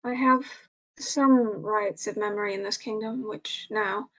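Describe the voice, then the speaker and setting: A woman's voice: mid-range voice, steady tone, a little slow, fairly bright tone, rough recording. A woman playing a solemn, formal young conquering prince in a verse drama. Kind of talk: amateur read-through of Shakespeare verse drama.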